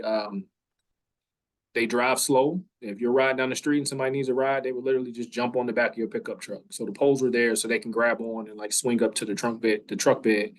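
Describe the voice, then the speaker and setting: A man's voice: mid-range voice, low-quality recording. A man hosting a campus talk, telling a story in a casual way, full of ums and restarts. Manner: hesitant, many ums and restarts.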